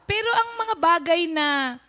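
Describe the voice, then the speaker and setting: Woman host, high pitch, storytelling testimony, Taglish, acts out dialogue. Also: lively intonation, measured pace, bright, forceful tone. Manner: storytelling, mixes English into Tagalog, acts out quoted speech. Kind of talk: personal testimony told to viewers.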